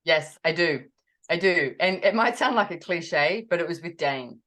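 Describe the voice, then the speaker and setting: A woman being interviewed over a video call, telling a personal story with animated energy and acting out her own quoted words. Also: fairly low pitch, moderate pace. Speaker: interview guest.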